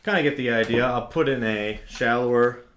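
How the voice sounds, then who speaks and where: A man's voice: mid-range voice, normal speed. Casual man talking trumpets, echoey room. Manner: relaxed, filler-heavy, lots of "like" and "um". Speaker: trumpet reviewer. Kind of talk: casual product review.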